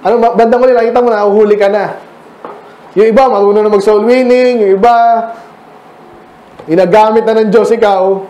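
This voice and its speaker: A man's voice: sits high, steady tone, brisk, pauses often, mellow, echoey room, low-quality recording. A man with a Filipino accent preaching a sermon as pastor, talking with the congregation and asking them questions. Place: church.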